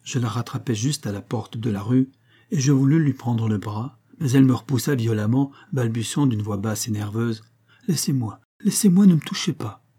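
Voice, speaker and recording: A man reading a classic short story aloud as narrator, in a measured storytelling manner. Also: mid-range voice, dark tone. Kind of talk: scripted audiobook narration.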